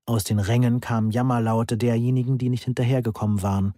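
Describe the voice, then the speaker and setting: A man reading a German audiobook in first person, with a measured, wry delivery. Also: medium pitch, flat delivery, warm tone, dry recording, studio quality. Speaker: audiobook narrator.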